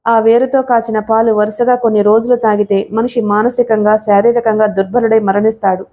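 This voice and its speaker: A woman reading as a hushed, urgent male companion. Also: on the high side, little pitch movement, a little fast, close to an everyday voice. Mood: explaining.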